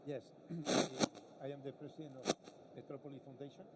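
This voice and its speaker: A man presenting his foundation on a panel in a formal, measured way. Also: medium pitch, fairly even intonation, crowd noise. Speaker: foundation president. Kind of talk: panel remarks.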